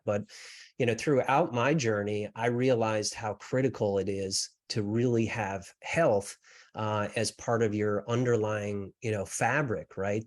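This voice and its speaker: A man hosting a podcast interview, chatting casually and tagging his sentences with "you know" and "right?". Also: on the low side. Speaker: podcast host.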